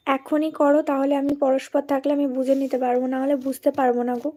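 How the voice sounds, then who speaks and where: A woman from West Bengal chats with her viewers on a live stream, high-pitched but flat in melody, with a mellow, darker tone. She has a cold and keeps her voice soft and unhurried. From West Bengal, India. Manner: speaks softly and slowly.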